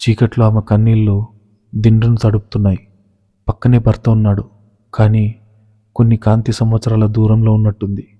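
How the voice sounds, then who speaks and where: Brief: male narrator, scripted story, low and monotone, reverberant lo-fi sound. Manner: even, measured storytelling. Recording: reverberant, dull lo-fi recording.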